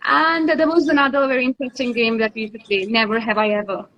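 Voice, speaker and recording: A woman's voice: a little high, flat delivery, quick pace, fairly bright tone, low-quality recording. A woman, an aviation trainer chatting as a guest on a live stream, often laughing as she tells stories. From India. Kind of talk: casual live-stream chat.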